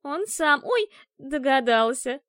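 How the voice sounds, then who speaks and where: Sly teasing cat-girl, a woman doing the voice, drawly and mocking, audiobook read, lively up and down. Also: a little high, normal speed, no room sound, clean studio sound. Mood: defensive.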